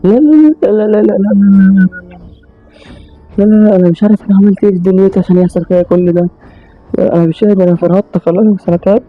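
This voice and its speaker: Man doing a shrill, panicking young guy. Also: racing, phone-quality sound, faint music behind, close to an everyday voice. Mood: panicked. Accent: Egyptian Arabic. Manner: shrill frantic pleading. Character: terrified young man friend, panicky and whiny.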